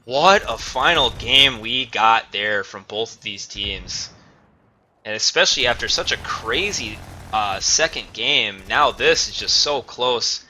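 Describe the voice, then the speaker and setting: A man casting a live esports match, excitable and getting loud on big plays. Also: mid-range voice, a little slow. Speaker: esports caster. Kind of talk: live play-by-play commentary.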